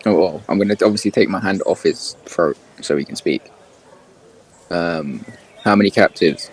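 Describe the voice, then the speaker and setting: A man's voice: sits low, normal speed, breathy edge. A man playing a tabletop game on a voice call, casual and thinking aloud with fillers. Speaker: player.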